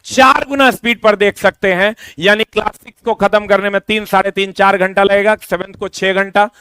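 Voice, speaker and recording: A middle-aged male coaching teacher, talking informally and repetitively as he pitches a course to exam students. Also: steady tone, moderate pace, bright, forceful tone, clear, resonant tone, no room sound. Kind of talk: promotional explanation to exam students.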